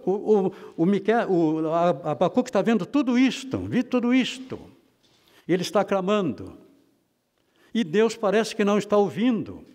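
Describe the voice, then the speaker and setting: A man's voice: high-pitched, darkish tone, big-room sound. A man with a Brazilian Portuguese accent teaching a Bible class, emphatic and repeating his phrases for weight. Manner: emphatic, repeats phrases, calls listeners brother.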